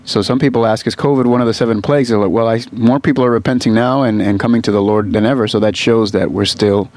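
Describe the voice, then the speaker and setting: A man co-hosting a call-in radio show, speaking in a smooth, steady radio host manner from a studio microphone. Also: on the low side, fast.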